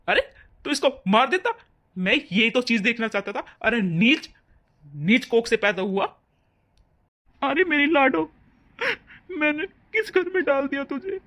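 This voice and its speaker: A heartbroken father of the bride in a cartoon family drama, voiced by a woman. His voice sits fairly high for a man and has a heavy, pleading, grief-worn tone. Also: expressive, a little slow, pauses often, fairly bright tone. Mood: angry. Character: grieving middle-aged father of the bride.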